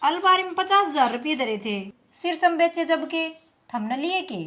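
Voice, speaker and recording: A woman playing a scheming young Haryanvi daughter-in-law. Her voice is high and her delivery is hushed and plotting. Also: animated, normal speed, full character voice.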